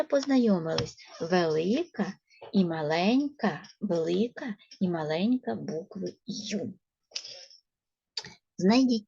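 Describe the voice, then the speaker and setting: A woman teacher with a Ukrainian accent takes a first-grade class through a reading lesson, slow and patient as she coaxes the children along. Her voice is mellow and a little husky, and the lo-fi recording sounds dull. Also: medium pitch. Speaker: primary school teacher.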